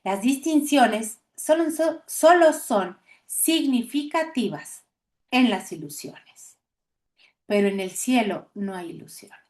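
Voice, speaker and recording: A woman reading the lines of a serene male spiritual teacher, explaining gently and patiently. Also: fairly high pitch, animated, slow pace.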